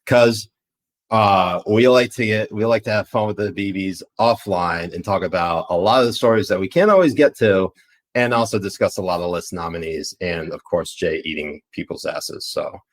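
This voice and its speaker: Co-hosting a live political chat show, this man with a Pakistani accent has a deep voice with lively intonation at a moderate pace. He rambles, leans heavily on fillers, and is quick to laugh.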